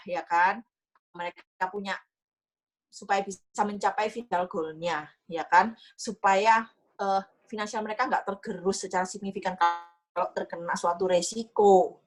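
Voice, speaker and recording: A young woman, an insurance agent, chatting casually and motivationally to colleagues, mixing in English words and laughing often. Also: mid-range voice. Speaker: insurance agent sharing her experience.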